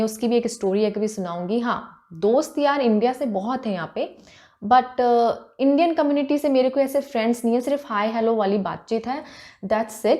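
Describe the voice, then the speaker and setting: A woman's voice: on the high side, warm tone. A woman from India in her thirties with an Indian accent, chatting casually to camera in a Hindi-English mix with frequent fillers. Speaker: vlogger.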